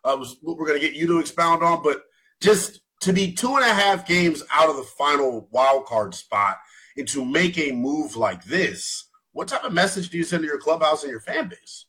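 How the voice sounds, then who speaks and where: Twenty-something guy hosting late night sports radio, husky but bright, voice bouncing all over. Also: a little high, moderate pace, rough recording. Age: 20s. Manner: animated, rambling, self-correcting questions.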